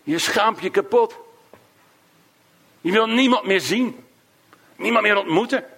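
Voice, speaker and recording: A man preaching a sermon, emotive, swinging between raised emphasis and hushed, low phrases. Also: gravelly. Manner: slow, drawn-out delivery of quoted cries.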